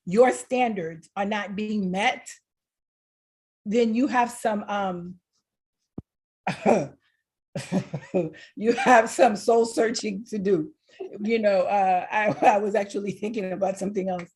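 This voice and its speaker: A woman's voice: medium pitch, fairly even intonation, takes it slowly, pauses often, a little mellow, husky. A woman co-hosting a talk show, speaking earnestly in a rambling, chatty way and laughing between thoughts. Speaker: co-host. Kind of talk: casual talk-show chat.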